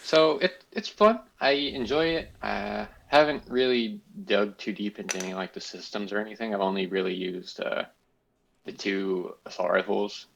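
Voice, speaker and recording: A man co-hosting a gaming podcast, talking in a playful, rambling way with lively jumps in pitch. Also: moderate pace, creaky, highs cut off. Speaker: podcast co-host. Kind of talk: casual gaming chat.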